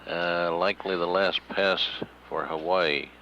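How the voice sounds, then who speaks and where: A man's voice: low voice, fairly even intonation, a little slow. A man giving formal, matter-of-fact live status commentary as a mission control announcer. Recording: dull lo-fi archival broadcast, faint noise.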